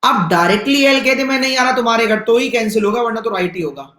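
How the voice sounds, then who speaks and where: Lively high-voiced Hindi-accented teacher. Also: male voice, fast talker, reverberant. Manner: lively, teasing explanations with acted-out dialogue. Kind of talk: online exam-prep class.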